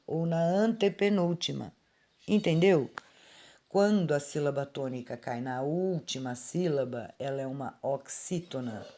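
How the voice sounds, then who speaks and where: A woman teacher with a Brazilian Portuguese accent explaining grammar to children in a slow, patient way, recorded on a phone at home. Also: deep voice, dark tone. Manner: slow, patient and explanatory, calling out words aloud. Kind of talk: remote grammar lesson for children.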